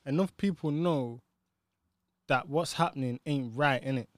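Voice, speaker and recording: A man's voice: mid-range voice, unhurried, dry recording, studio quality. A man with a British urban roadman accent, chatting casually in street slang and arguing his point emphatically. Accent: British urban street (roadman) English. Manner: emphatic, argumentative, repeats tag questions.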